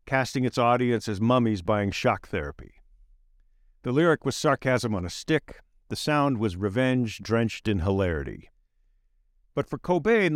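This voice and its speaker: A man reading aloud his own essay in a measured, wry narration with slowed emphatic phrases. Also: medium pitch, dry recording, clean studio sound.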